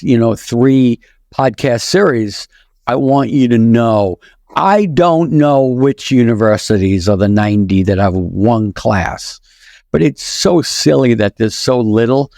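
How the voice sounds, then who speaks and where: A man's voice: mid-range voice, unhurried, vocal fry, darkish tone, no echo, clean studio sound. A man with a New York accent, a podcast guest who talks emphatically and lays out his points one after another. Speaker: guest, real estate broker and author. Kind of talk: casual podcast conversation.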